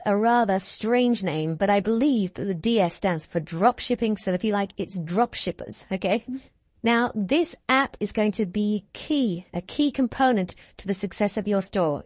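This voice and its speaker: A woman's voice: medium pitch, a little mellow, no room sound. Female course instructor, upbeat and reassuring, step-by-step screen-share narration, dry close sound. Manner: upbeat, reassuring, walks through steps.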